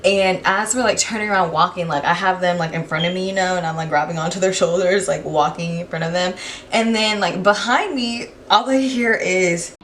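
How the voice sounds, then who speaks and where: A young woman telling a storytime vlog in a casual, animated, profane way, full of fillers. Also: lowish voice, brisk, a little hiss or hum.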